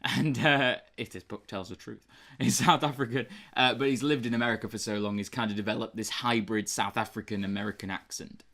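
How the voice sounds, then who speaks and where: A man's voice: fairly low pitch, fairly even intonation, a little fast, fairly bright tone. A young British man co-hosting a book review chat, talking casually and rambling with lots of fillers and restarts. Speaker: book review podcast co-host.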